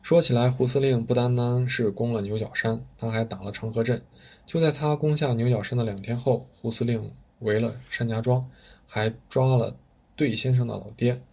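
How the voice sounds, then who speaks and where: A man's voice: mid-range voice, steady tone, normal speed, darkish tone, slightly rough. A man telling a story with vivid, dramatic narration. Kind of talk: spoken storytelling.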